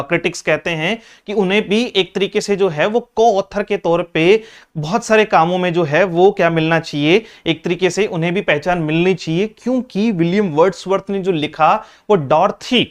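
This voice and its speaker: A male teacher giving an exam-prep lecture, repeating key points and asking the class questions as he explains. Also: sits high. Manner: mixes English terms into his explanations.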